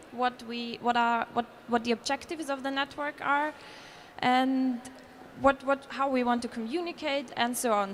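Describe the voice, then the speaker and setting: An Austrian woman with a high voice gives a conference presentation in a conference hall, speaking earnestly but restarting and correcting herself. Her tone is fairly bright, with slight background noise.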